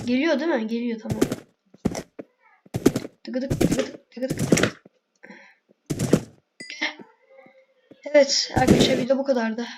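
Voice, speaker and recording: Woman, high voice, casual gameplay commentary, chatty, exasperated outbursts, noisy background. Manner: chatty, talks to herself and viewers, sudden exasperated outbursts. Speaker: gaming video creator.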